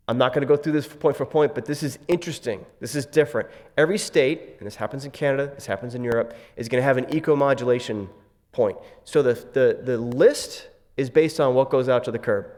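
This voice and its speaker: A man's voice: mid-range voice, a little mellow. A man giving a conference presentation in a casual way, with many fillers and wry asides. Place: conference session room. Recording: long hall reverb.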